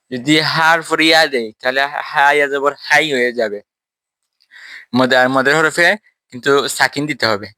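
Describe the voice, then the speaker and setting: A man teaching a tajweed class, explaining step by step and quizzing his students, with slow drawn-out letters. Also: mid-range voice, pushed and bright, no room sound. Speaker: Quran recitation teacher.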